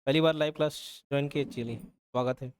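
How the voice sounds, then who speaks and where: A man's voice: medium pitch, steady tone, a little fast, smooth. A young adult man teaching a live online class, explaining casually and checking in with listeners with a frequent "okay?". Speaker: online exam-prep teacher.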